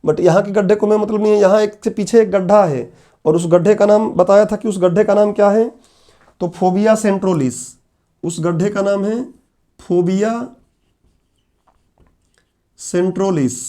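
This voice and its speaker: A man's voice: high voice, steady tone, fairly quick, warm tone. A man giving an exam-prep lecture, repeating key terms and putting questions to his students. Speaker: teacher. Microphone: laptop on online class.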